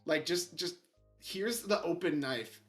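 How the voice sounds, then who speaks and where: A man in casual chat who tells stories in an animated way, swearing and acting out what people said. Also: a little high, slow pace. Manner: animated, swears, acts out quotes. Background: faint lo-fi music.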